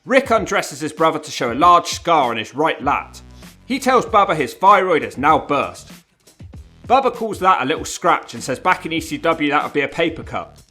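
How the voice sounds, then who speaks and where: A man's voice: on the high side, sing-song, normal speed, pushed and bright. A man narrating a scripted countdown commentary in a wry, informal and emphatic way. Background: background music.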